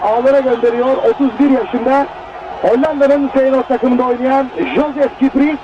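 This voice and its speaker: A man giving live football commentary in an excitable way, shouting and repeating his phrases. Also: extremely high pitch, moderate pace, muffled recording. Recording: noisy stadium broadcast with loud crowd.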